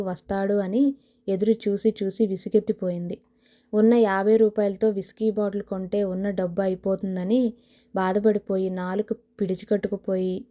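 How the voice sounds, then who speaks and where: A woman narrating an audio novel in a steady, even storytelling manner. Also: medium pitch. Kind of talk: scripted narration.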